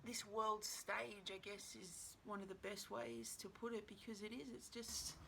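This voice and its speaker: A woman actress talking to camera at home in a halting, musing way, full of fillers. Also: mid-range voice, level tone, vocal fry, noisy background. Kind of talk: reflective casual monologue.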